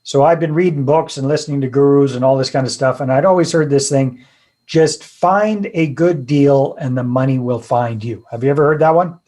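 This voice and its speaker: A middle-aged Canadian man from British Columbia, a real estate investor guesting on a podcast, tells his story in a chatty, self-deprecating way and laughs easily during the casual interview. His voice is medium-pitched and darkish, at a normal speed.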